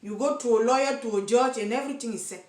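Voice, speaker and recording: Speaking fast in a slightly high, slightly mellow voice, a woman with a Cameroonian accent addresses the camera in an echoey room. She campaigns for single mothers, and in this vlog she's earnest and insistent, tripping over and repeating words as she reaches for English.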